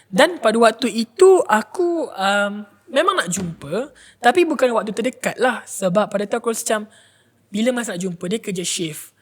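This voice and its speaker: A woman's voice: a little high, normal speed. A woman on a podcast panel, telling a personal story in casual chat, acting out the voices of the people in it and slipping into English now and then. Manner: animated storyteller, acts out quoted voices, mixes in English.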